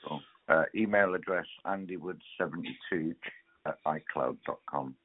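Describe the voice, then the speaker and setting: A man in his fifties with toothless, gummy articulation, talking casually and haltingly on the phone. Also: rumbling low, dry recording. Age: 50s. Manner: halting, spells things out. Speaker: client on a phone call. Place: telephone call. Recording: tinny, narrow phone line.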